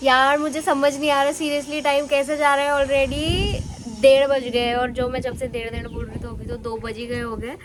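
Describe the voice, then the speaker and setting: Fast-talking young woman vlogging at home. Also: high-pitched, flat delivery, background noise. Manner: chatty, mixes in English words. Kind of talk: casual home vlog. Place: at home, indoors and on a terrace. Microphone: handheld phone.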